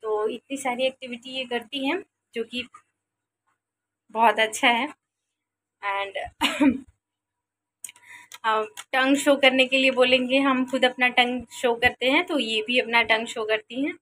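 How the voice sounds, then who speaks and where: Bright high-voiced woman vlogger. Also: slow, pauses often. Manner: sing-song coaxing with baby, then relaxed rambling talk to viewers. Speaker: vlogger and mother. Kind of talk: casual home vlog chat.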